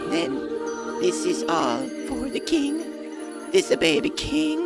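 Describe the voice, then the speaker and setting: An actress voicing Befana, a weary, devout old woman who speaks haltingly in a creaky voice. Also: mid-range voice, big pitch swings. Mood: awed. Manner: halting, stammering speech. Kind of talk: audio drama acting. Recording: music under the voice.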